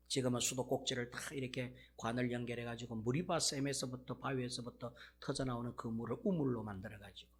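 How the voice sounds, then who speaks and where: A male pastor preaching a sermon, telling the story with animated swells in volume and the frequent filler "막". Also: medium pitch, breathy edge.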